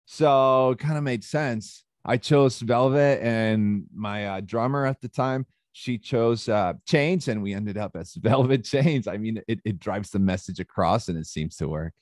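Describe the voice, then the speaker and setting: A man's voice: lowish voice, a little slow, few pauses, darkish tone, no echo, studio quality. A young man from Chile, a band frontman, chatting casually in an interview, laughing often and talking loosely with fillers.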